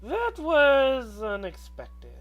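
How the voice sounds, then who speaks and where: A woman voicing a wise, knowing old woman in a slow, halting old hag manner, reading video game dialogue aloud. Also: sits high, huge pitch swings, highs cut off, faint music behind, pitched above the performer's own voice, heavily acted. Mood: solemn.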